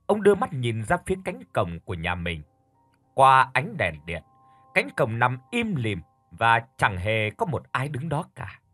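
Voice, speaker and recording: A man narrating a horror audiobook in a calm, measured storytelling voice. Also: medium pitch, husky.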